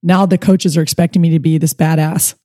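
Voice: medium pitch, a little fast, dry recording, clean studio sound. A mental performance coach for baseball players, telling stories earnestly in a casual podcast conversation. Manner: earnest, storytelling, animated retelling with quoted dialogue.

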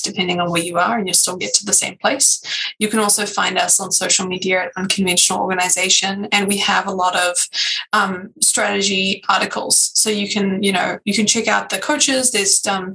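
A woman's voice: mid-range voice, gravelly, bright, forceful tone, rough recording. A woman guest on a podcast, talking casually and reassuringly about her coaching service. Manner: reassuring, explains at length with many "you know"s. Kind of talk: casual interview chat.

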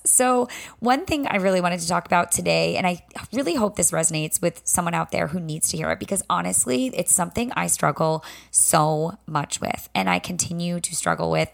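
A woman's voice: on the low side, gravelly. A woman in her thirties with a Southern American accent, hosting her podcast in a chatty, rambling way. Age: 30s. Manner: chatty, rambling, self-deprecating. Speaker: podcast host. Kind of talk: casual solo podcast chat.

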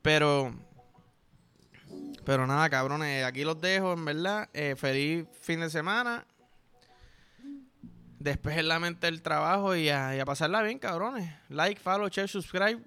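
Bright-voiced Puerto Rican man joking crudely. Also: on the high side, measured pace, pauses often, clean tone. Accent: Puerto Rican Spanish. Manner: rambling, vulgar, joking, heavy slang. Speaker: podcast host. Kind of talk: crude comic monologue.

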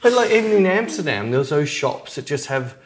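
A man's voice: on the high side, sing-song, fairly quick, a crowd in the background. A man co-hosting a podcast, chatting casually and telling rambling, opinionated stories. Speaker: podcast co-host. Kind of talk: casual chat.

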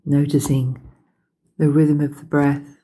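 A woman leads a calm grounding exercise as a meditation guide, speaking gently and unhurriedly with pauses in a husky, breathy voice. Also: sits low.

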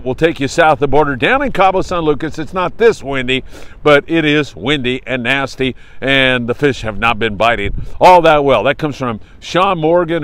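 An American man hosting an outdoor morning briefing in an upbeat, hearty, folksy and emphatic manner, like a travel show host. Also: fairly high pitch. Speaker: host of a fishing report show. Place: outdoors on a windy beach.

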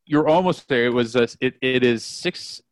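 A man's voice: mid-range voice, normal speed. A man hosting a podcast, playfully quizzing his friends in casual chat. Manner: playful quizmaster, laughs often. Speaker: podcast host running a trivia quiz.

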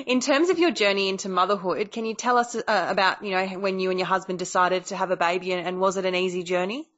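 A woman's voice: mid-range voice, fast, fairly bright tone, dull audio. A woman hosting a podcast interview, asking friendly, enthusiastic questions. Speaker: podcast host.

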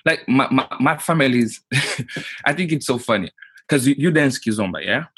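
A man, a guest in a casual interview, halting and restarting often as he talks. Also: mid-range voice, animated, a bit bright, slightly rough, dry recording. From Portugal. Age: 30s. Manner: halting, restarts often, many "you know, like".

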